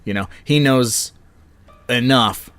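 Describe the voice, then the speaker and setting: A man's voice: medium pitch, slow, a bit bright, smooth, no room sound. A man co-hosting a podcast who rambles with fillers and laughs often while discussing a horror film. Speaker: podcast co-host.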